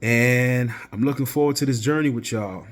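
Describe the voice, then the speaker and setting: A man's voice: medium pitch, normal speed. A young man hosting his own podcast, talking casually and reflectively, rambling with restarts and frequent "right?". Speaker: podcast host. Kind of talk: casual solo podcast talk.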